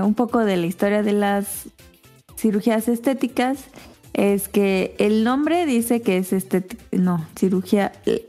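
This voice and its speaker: A woman, co-hosting a podcast and telling a chatty, animated anecdote in a casual way. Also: medium pitch. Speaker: podcast co-host. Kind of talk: casual storytelling chat.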